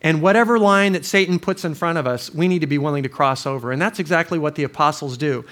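A man's voice: on the high side, fast, a bit bright. Earnest male pastor preaching. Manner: earnest preaching with frequent restarts and fillers; reads scripture, then prays. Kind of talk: sermon.

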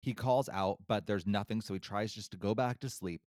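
A man's voice: fairly low pitch, a little fast, a little mellow, no room sound, clean studio sound. A man casually retelling a spooky true story as a podcast co-host, with wry, sarcastic asides.

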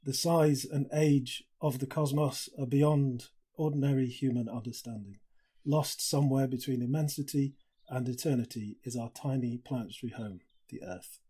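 Interviewer reading aloud: hushed and full of awe, husky, emotional, mid-range pitch. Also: fairly even intonation. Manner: awed, hushed, slow and tender when reading aloud. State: tearful, emotional.

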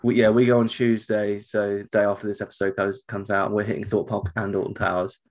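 Casual British male co-host, lowish pitch, sounding ropey with tonsillitis. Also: little pitch movement, fairly quick, a little mellow. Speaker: podcast co-host. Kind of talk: casual chat.

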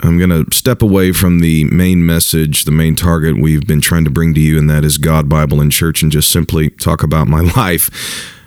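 Very deep-voiced man, earnest podcast pastor. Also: normal speed, dry recording, studio quality. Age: 40s. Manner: warm, earnest and animated, with repeated restarts. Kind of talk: casual solo podcast monologue.

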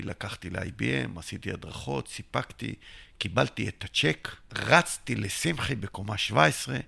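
A gravelly yet bright mid-range male voice belongs to an Israeli entrepreneur being interviewed. He tells an animated story, acting out both sides of a dialogue and sometimes shouting.

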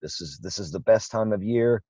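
A man's voice: lowish voice, moderate pace, mellow, breathy edge, dry recording, lo-fi sound. A man co-hosting a podcast in casual, enthusiastic chat. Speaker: podcast co-host.

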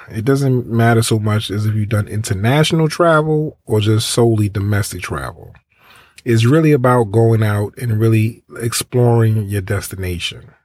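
A man hosting a podcast, talking casually in a measured, explanatory and mildly exasperated way. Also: fairly low pitch, darkish tone, no echo, studio quality. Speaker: podcast host.

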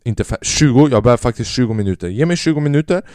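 A man's voice: mid-range voice, animated, darkish tone, dry recording, studio quality. A man hosting a podcast, telling rambling comedic stories full of swearing and acted-out dialogue. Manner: profane, rambling, acts out quoted people. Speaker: podcast host. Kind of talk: casual comedic storytelling monologue.

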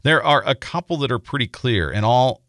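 An American man narrating a scripted paranormal feature as host, in a measured, suspenseful storytelling manner. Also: mid-range voice, lively intonation, a bit bright, no echo, studio quality.

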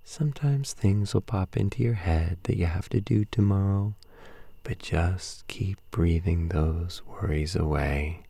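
A man guiding a sleep meditation in a soft, slow, soothing voice that drifts into whispers. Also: low-pitched, gravelly, slightly rough, dry recording. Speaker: meditation guide.

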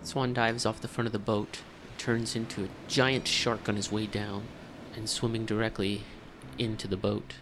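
A man's voice: on the low side, little pitch movement, moderate pace, background noise. A man delivering scripted storytelling narration as the narrator of a tabletop game tale.

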